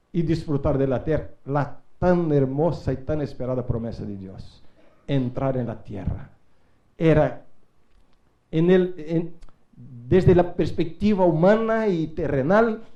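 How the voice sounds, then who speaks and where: A middle-aged guest preacher delivers a church sermon in Spanish, which is not his first language, his voice a little high. He swings from quiet asides to loud, rising calls to the congregation. The sound is lo-fi.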